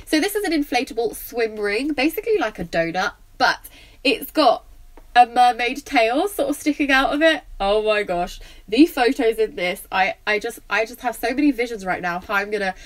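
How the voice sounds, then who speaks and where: A woman's voice: on the high side, lively intonation, normal speed. Gushing woman with a blocked nose. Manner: gushing, enthusiastic, lots of "I love". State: slightly croaky from a blocked nose. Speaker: vlogger. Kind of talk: casual shopping haul vlog.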